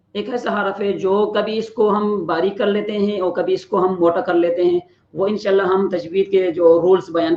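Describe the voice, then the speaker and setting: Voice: medium pitch, a little mellow. A tajweed teacher giving a Quran pronunciation lesson, patiently explaining and stretching out each letter sound to demonstrate it. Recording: roomy, slightly dull lo-fi recording.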